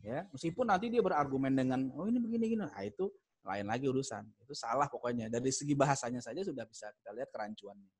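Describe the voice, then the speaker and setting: A man's voice: medium pitch, expressive, fast talker, a little mellow, husky. A man giving an online lecture on Arabic grammar, explaining readings step by step, raising his voice to stress key points and chuckling at the examples. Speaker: Islamic studies lecturer.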